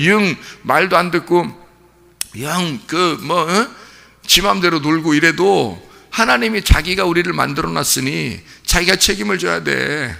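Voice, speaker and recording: A man's voice: sits high, gravelly, sharp tone, big-room sound. A male pastor giving an early-morning sermon in a folksy, conversational way, acting out a mother and child in short quoted voices. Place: church sanctuary.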